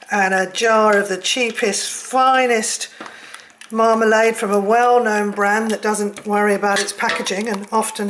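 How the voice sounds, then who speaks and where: Chatty woman with a higher voice. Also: noisy background. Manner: chatty, rambling, jokey asides. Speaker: home cook. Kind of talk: cooking demonstration. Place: home kitchen. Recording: echoey kitchen with clattering dishes.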